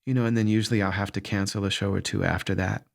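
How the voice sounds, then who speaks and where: A middle-aged man hosting a podcast answers listeners with a candid, earnest reflection on hard times. He's a fast talker with a low, gravelly voice and fairly even intonation, often starting his thoughts over while searching for words.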